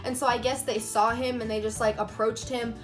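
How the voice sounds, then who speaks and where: A young woman with a slightly high voice recounts a personal story straight to the camera, rambling casually and leaning on "like" at every turn. She is recording in a room at home as the daylight fades. Faint music plays under her voice. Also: level tone, a little fast. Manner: chatty, filler-heavy retelling with many "like"s. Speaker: YouTuber telling a personal story.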